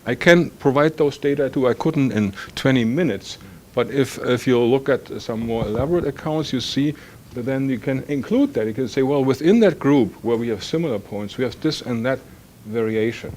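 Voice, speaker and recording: A man's voice: medium pitch, moderate pace, a little mellow. German-accented man answering on a panel. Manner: thinks aloud with frequent fillers and restarts. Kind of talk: academic panel discussion.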